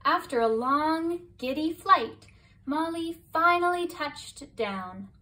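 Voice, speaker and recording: A woman reading a children's picture book aloud as a bedtime story, slow and expressive, her voice a bit distant from the mic. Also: sits high. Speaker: storybook reader.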